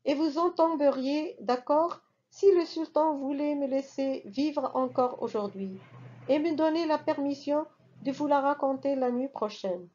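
A composed young storyteller queen, calm and measured, read by a woman in a bedtime storybook. The voice sits high and slow on a slightly dull recording.

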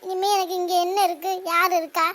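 A woman's voice: extremely high pitch, little pitch movement, fairly quick, fairly bright tone, a little hiss or hum. A woman voicing a jilted young woman in a cartoon family drama, whiny and reproachful. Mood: hurt. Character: jilted young woman, petulant would-be bride.

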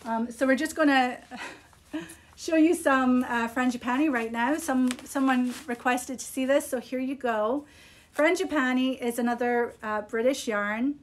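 A middle-aged woman from Scotland, her voice sitting high and her pace measured, chats unscripted while presenting items on a live shop stream. She comes across as casual and appreciative, filmed in a small indoor room with a phone held at arm's length.

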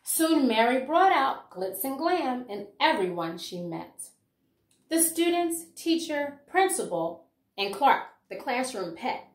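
A middle-aged woman educator reads a children's picture book aloud, her slightly high voice swinging widely in pitch at a slow pace. She gives an expressive read-aloud with book commentary aimed at children and teachers. It was recorded indoors in a small room at home, with a noticeably roomy echo.

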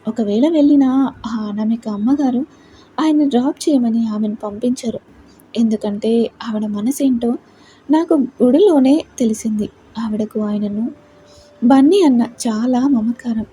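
A woman voicing a gentle, thoughtful young wife who speaks respectfully and reasons things out aloud. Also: a little high, normal speed, slight background noise, natural voice. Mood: earnest.

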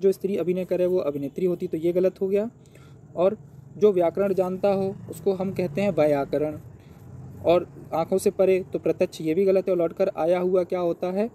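High-voiced man tutoring Hindi exam questions. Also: fairly even intonation, normal speed, dark tone. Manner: explains step by step, asks and answers his own questions. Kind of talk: exam paper walkthrough.

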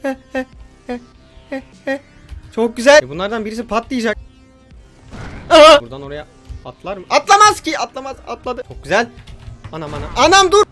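A young man giving excited let's-play commentary, joking, yelping and cursing at the game as he plays. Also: very high voice, fast talker, pauses often, soft background music. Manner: loud, jokey, yelps and curses at the game. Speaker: gaming YouTuber.

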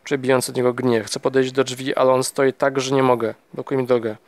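A man narrating a novel in the first person at a middling pitch. His reading is steady and plain, though he stumbles and restarts a word now and then. It sounds like a home audiobook reading. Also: quick pace, no room sound. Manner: steady, with small slips and restarts.

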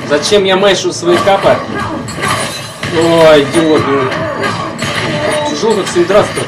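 A man's voice: high-pitched, moderate pace. A man giving casual, grumbling, exasperated commentary while he streams a video game. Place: indoors, in front of a TV. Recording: distant mic, loud game audio. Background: loud game music and sounds.

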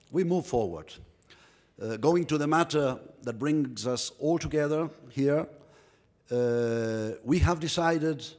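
A man's voice: medium pitch, a little mellow. Middle-aged man, English; executive's earnest welcome address from a podium mic, long hall reverb. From Uruguay. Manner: earnest, proud, repeats words while searching for phrasing. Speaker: company executive giving a welcome speech. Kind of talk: formal welcome speech. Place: indoor press room at a podium. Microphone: podium microphone.

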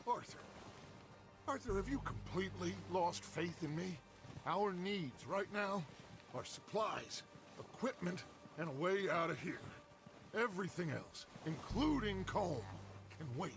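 An actor playing a commanding, persuasive American outlaw gang leader in a Western video game, with a gravelly, theatrical, emphatic delivery. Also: male voice, high-pitched, lively intonation, measured pace, noisy background. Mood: stern, pleading.

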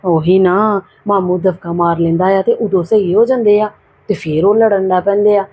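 A woman playing a sickly, put-upon young aunt who talks softly and wearily to a child in an amateur family drama. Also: medium pitch, steady tone, normal speed, breathy edge, close to an everyday voice. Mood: complaining.

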